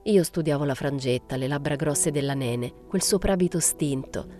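Woman reading a novel out loud, low mellow voice, calm and even, faint music. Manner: measured, plain literary reading. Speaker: reader.

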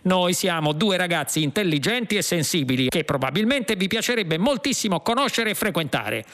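A man voicing a loud, touchy male space policeman who calls out over a loudspeaker in a storybook reading. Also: sits high, voice pushed up. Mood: self-pitying.

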